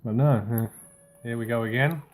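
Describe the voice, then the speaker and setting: A man's voice: mid-range voice, normal speed, a little mellow. A man hosting a wrestling podcast in casual chat, with a dry, sarcastic manner. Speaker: podcast host.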